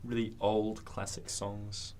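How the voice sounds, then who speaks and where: A man's voice: fairly low pitch, level tone, takes it slowly, a little mellow, a little hiss or hum. A young man co-hosting a casual student podcast chat, with a dry, mock talkback-radio way of talking.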